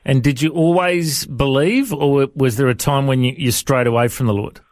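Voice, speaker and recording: A man's voice: mid-range voice, normal speed, no echo. A man, hosting a podcast interview in a matey, chummy way. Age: 40s. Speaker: podcast host. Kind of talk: friendly interview chat.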